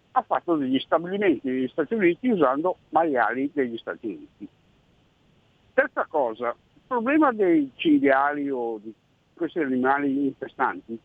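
A man's voice: a little high, no echo. A man calling into a radio show over a phone line, talking in an emphatic, insistent way and listing his points one by one. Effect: heard over a phone line into a radio show.

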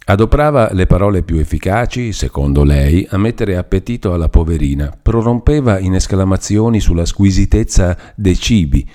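A man narrating a classic novel aloud in an expressive storytelling manner. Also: low-pitched, normal speed, hardly any pauses. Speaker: audiobook narrator.

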